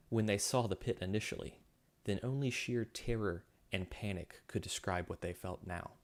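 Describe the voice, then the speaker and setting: A man reading his own science fiction story aloud, with occasional slips and self-corrections. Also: on the low side. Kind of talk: story narration.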